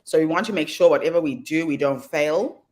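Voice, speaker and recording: A woman hosting an online summit, speaking in a brisk, practical and earnest way. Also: low-pitched, darkish tone. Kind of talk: casual chat on a video call.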